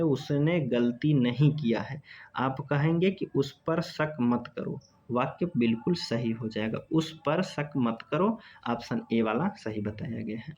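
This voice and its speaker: A man teaching an exam-prep grammar lesson, reading each sentence and option aloud slowly and repeating it. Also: mid-range voice, darkish tone. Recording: dull lo-fi audio.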